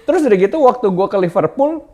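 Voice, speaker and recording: A man from Indonesia, a guest on a chat show, talking casually and jumping into high put-on voices when he retells a story. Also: animated, fast talker, dark tone, muffled recording. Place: indoor studio.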